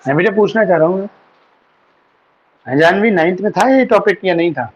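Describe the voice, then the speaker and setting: In an online class, a man patiently walks students through chemistry formulas, slipping English terms into his explanations. His voice sits high and expressive, moving fairly quickly. Background noise is audible, and the recording has a dull, lo-fi quality.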